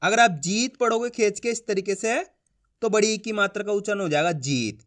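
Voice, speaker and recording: A man teaching beginners to read Hindi in an online lesson, patiently repeating each point, sounding out syllables slowly and checking that viewers understand. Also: high voice, steady tone, fairly bright tone. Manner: addresses viewers as friends.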